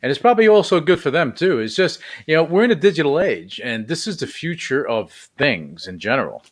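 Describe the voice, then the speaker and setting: A man's voice: on the high side, big pitch swings, brisk. A man hosting a radio talk show, interviewing a guest in a casual, rambling way with many repeated words.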